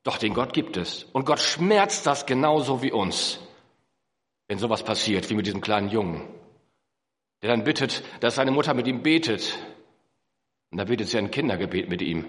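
A man preaching a sermon, swinging between emphatic high peaks and low, slow earnest passages. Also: lively intonation, fairly bright tone. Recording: echoey hall.

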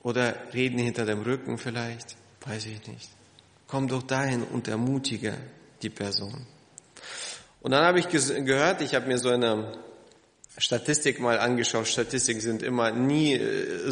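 A man preaching a sermon to his congregation, lively and emphatic, asking rhetorical questions. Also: mid-range voice, moderate pace, echoey room, long reverb tail. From Germany. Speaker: pastor.

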